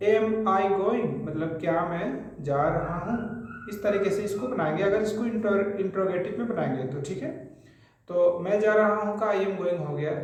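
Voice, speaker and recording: A man teaching a spoken English grammar lesson, patiently drilling example sentences one after another. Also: sits high. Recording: very echoey room.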